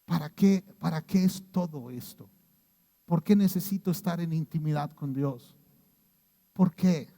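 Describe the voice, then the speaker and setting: A man's voice: a little high, a little slow, creaky, dark tone, long reverb tail. A man with a Mexican Spanish accent preaching a sermon as pastor, telling stories and acting out the people he quotes.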